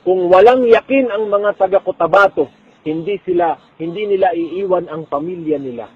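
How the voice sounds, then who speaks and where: A man preaching an emotional storytelling sermon, impassioned, swinging from loud outbursts to hushed low lines. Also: moderate pace, slightly rough, no room sound, phone-quality sound.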